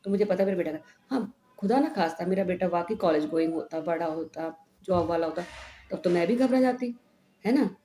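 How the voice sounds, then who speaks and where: A middle-aged woman vlogger from India, telling a story in a chatty, animated way and often asking "हैं?". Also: fairly low pitch, brisk. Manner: chatty, animated retelling with frequent "हैं?" tags. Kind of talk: casual vlog storytelling. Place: home room. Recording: echoey room with faint background noise.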